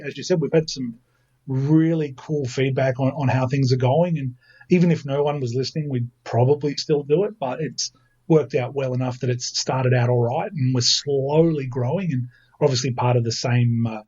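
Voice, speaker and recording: A slightly rough, darkish mid-pitched male voice comes through a muffled recording. He's an Australian man in his thirties, a podcast guest chatting casually, making jokes at his own expense and frequently starting his sentences over.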